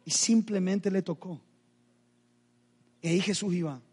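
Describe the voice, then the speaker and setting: A man's voice: high-pitched, measured pace, mellow, slightly rough. A middle-aged man preaching a sermon, acting out Bible scenes dramatically and speaking straight to the congregation. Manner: dramatic, acts out Bible scenes, addresses the audience directly.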